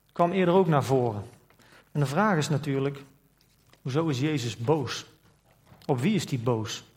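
A man's voice: mid-range voice, moderate pace, darkish tone. A man preaching a sermon, asking reflective questions and reading scripture aloud in old formal wording. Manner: reflective, asks rhetorical questions.

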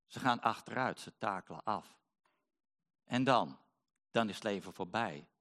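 Hesitant preacher with lively pitch. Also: male voice. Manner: hesitant, many pauses and fillers. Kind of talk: sermon.

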